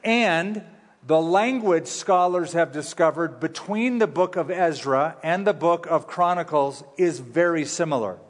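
A pastor preaching at a pulpit microphone in a church sanctuary, teaching in a conversational, folksy way with light humor. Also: male voice, fairly high pitch, unhurried. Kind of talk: sermon teaching. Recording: long reverb of a large hall.

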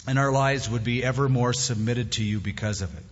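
A man's voice: mid-range voice, fairly quick, slight background noise. A man preaching a sermon as pastor at a pulpit microphone in a church sanctuary, talking in a conversational way with plain-spoken asides. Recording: echoey hall, dull lo-fi sound.

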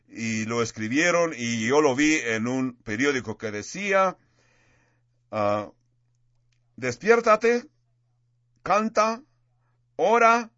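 Male preacher, emphatic sermon delivery with slow drawn-out words; dry, dull lo-fi recording. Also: medium pitch, bright, forceful tone, no room sound. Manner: emphatic, stretches key words slowly. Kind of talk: sermon with dramatic scripture reading. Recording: dull lo-fi sound.

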